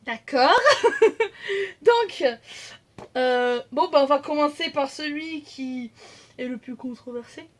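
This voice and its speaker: Une jeune femme vloggeuse qui bavarde avec beaucoup d'hésitations et d'autocorrections, filmée au téléphone. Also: female voice, high-pitched, slow pace, long pauses. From France. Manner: chatty, hesitant, many fillers and self-corrections. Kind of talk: casual chat. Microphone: phone camera.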